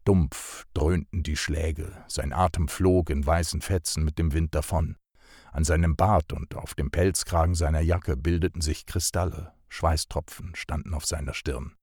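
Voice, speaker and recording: A man narrating an audiobook in a measured, even storytelling manner. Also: extremely low pitch, dry recording, studio quality.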